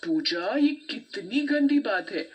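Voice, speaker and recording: A woman's voice: a little high, expressive, slow. A stern, scolding schoolteacher, played by a woman narrator, firm with her class. A faint hiss sits behind her voice.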